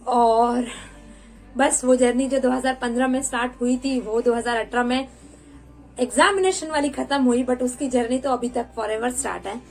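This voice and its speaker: A woman's voice: on the high side, normal speed, a little mellow, soft background music, poor audio. A woman in her twenties telling a personal story in a candid, chatty way, with English words mixed into her talk. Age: 20s. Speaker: vlogger.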